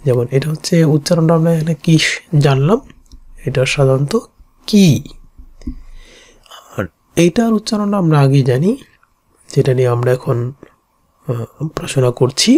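Slow, repeating Bengali teacher voice. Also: mid-range voice, lively intonation, dark tone. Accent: Bangladeshi Bengali. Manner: repeats each reading slowly, explains stroke by stroke. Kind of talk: kanji lesson in Bengali.

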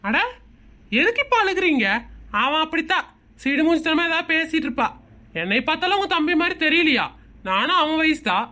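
This easygoing young cartoon man wheedles and chats in a friendly way, voiced by a woman. His voice sits high and light. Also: lively intonation, brisk, long pauses, bright, forceful tone. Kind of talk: Tamil comic cartoon voice acting.

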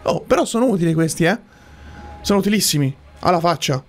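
A man's voice: on the high side, expressive, quick pace. A man giving casual, playful video game commentary as a streamer. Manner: playful, talks to game characters and viewers. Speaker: gaming streamer. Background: game music.

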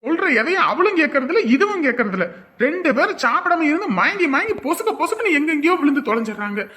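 A woman's voice: sits high, very animated, quick pace, bright, forceful tone, exaggerated voice. A woman voicing an anxious, doting young village husband in a cartoon who argues with his mother. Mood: worried. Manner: exasperated, fussing, pleading. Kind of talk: cartoon voice acting.

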